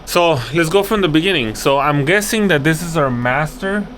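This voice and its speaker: Animated and at normal speed, a man with a slightly high, somewhat bright voice leads an unscripted access control installation walkthrough at an office job site indoors. As installer and video host, he instructs, thinks aloud, and repeats phrases often, with a little hiss or hum audible.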